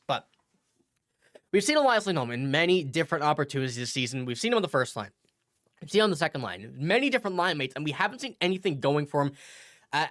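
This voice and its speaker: Congested and nasal with a cold, a hockey news channel host talks in a voice on the high side and a bit bright. His casual commentary rambles from point to point as he self-corrects and reads quotes out loud.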